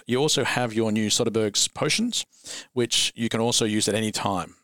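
A man narrating as dungeon master, relaxed and rambling, often chuckling. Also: lowish voice, normal speed, no room sound. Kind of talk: narrating a tabletop game.

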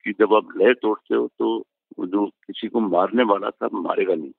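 Older guy talking ads, gravelly low voice, dry tinny phone-ish sound. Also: fairly even intonation, moderate pace, no room sound. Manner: reflective, folksy, gives homespun advice. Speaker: advertising veteran guest. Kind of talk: interview answers.

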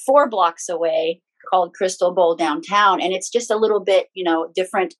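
A middle-aged woman from the Philippines talks at a normal speed in a lowish voice. Guesting on a podcast as a spiritual teacher and author, she's chatty and frank, sharing personal anecdotes in casual storytelling with small laughs.

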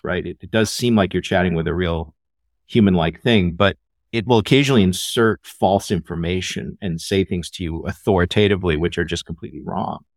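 Podcast host, man with a very low voice; measured, explanatory, dry studio mic. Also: dry recording. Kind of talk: casual conversation.

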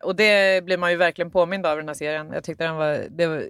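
Casting: young adult co-host, lively and blunt, mid pitch, close dry recording. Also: clean tone, no echo. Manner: animated, swears and laughs while talking. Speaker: podcast co-host. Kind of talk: casual chat.

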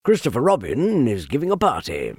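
Male reader playing a self-important owl: fussy, sulky, gravelly edge. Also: medium pitch, huge pitch swings, brisk, a little mellow, no echo, studio quality, pitched above the performer's own voice, exaggerated voice.

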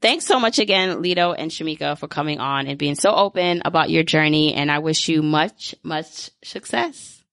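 A woman in her thirties runs a podcast, handling a laid-back interview and sign-off in an upbeat, gabby style full of "like" fillers. Her voice sits low with a fairly bright tone, moving at moderate speed with few pauses and no echo.

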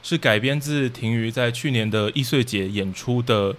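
A podcast guest who leads an audio drama troupe explains things in casual interview talk. He has a Taiwanese Mandarin accent and speaks at medium pitch and moderate pace.

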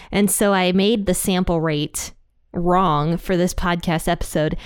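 Clear-voiced woman podcaster, dry sound. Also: medium pitch, no echo. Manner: informal, chatty. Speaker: podcast host. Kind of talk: casual solo podcast chat.

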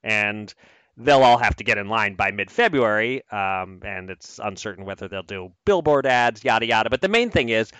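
A man's voice: fairly low pitch, expressive, moderate pace, fairly bright tone, clear, resonant tone, no room sound. A man co-hosting a podcast, running through news items in a casual, conversational way and laughing easily. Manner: conversational, laughs easily, filler-heavy asides. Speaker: podcast co-host.

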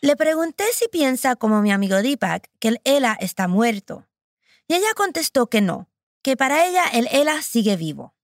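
A woman's voice: fairly high pitch, sing-song, moderate pace, dry recording, clean studio sound. A woman hosting and narrating a documentary podcast in a personal, reflective storytelling manner. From Puerto Rico.

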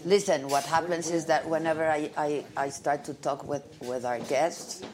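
A woman's voice: sits low, fairly even intonation, measured pace, a little mellow, slight background noise. A middle-aged woman with a Mexican accent, chatty and playful, hosting a live talk show. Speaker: host.

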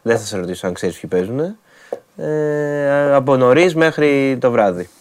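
A man's voice: medium pitch, animated. A man co-hosting a sports radio show, chatting casually and teasing his partner. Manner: laid-back, teasing, laughs often.

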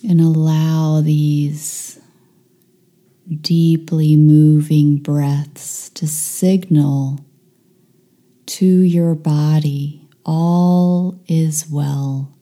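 Leading a meditation, a woman talks in a very soft, dark, relaxed voice. She goes extremely slowly, with long pauses between brief instructions, and her calm, soothing delivery barely shifts in pitch.

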